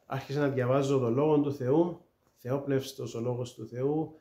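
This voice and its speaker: A middle-aged man giving an earnest personal faith testimony, hesitant, with many pauses and fillers. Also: mid-range voice, fairly even intonation, noisy background. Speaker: testimony speaker. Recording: echoey room.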